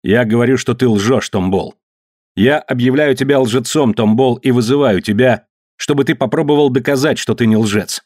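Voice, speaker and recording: A man voicing a fierce young man who shouts defiant commands and challenges in a story reading. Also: medium pitch, moderate pace, no room sound, clean studio sound, close to an everyday voice.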